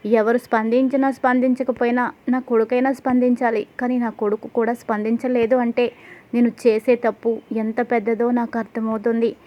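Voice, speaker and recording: A woman's voice: on the high side, little pitch movement, moderate pace, a little mellow, close to an everyday voice. A woman voicing an angry, hurt middle-aged mother who scolds, read in a level tone.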